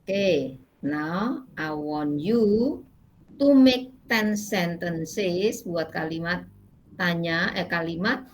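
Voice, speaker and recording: A woman's voice: on the low side, drawn-out words, a little hiss or hum, rough recording. A middle-aged woman lecturer with an Indonesian accent, patiently explaining English grammar to her class with many fillers. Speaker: university lecturer.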